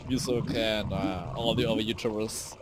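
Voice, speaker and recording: A young man streaming a game live, rambling casually, easily startled, swearing and shouting at enemies. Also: lowish voice, fairly even intonation, normal speed, noisy background. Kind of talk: live gameplay commentary.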